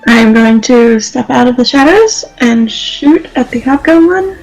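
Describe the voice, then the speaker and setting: Female tabletop gamer, highish voice, casual move-calling, music behind. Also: lively intonation, measured pace, darkish tone, rough recording. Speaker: player in tabletop game. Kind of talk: casual game-table chat.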